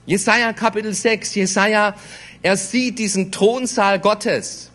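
A man preaching a sermon in a slow, emphatic way, repeating words for weight. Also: sits high, fairly even intonation, fairly bright tone.

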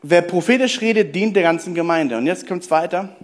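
A man preaching a lively sermon, telling stories and speaking straight to his listeners. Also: sits high, brisk. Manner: lively storytelling preacher, addresses listeners directly. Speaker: pastor.

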